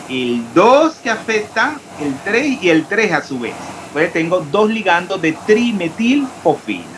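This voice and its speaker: A man's voice: high-pitched, fairly bright tone, slight background noise, poor audio. A man teaching a chemistry class, asking his students questions and spelling out formulas step by step. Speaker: chemistry lecturer. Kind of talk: online class lecture.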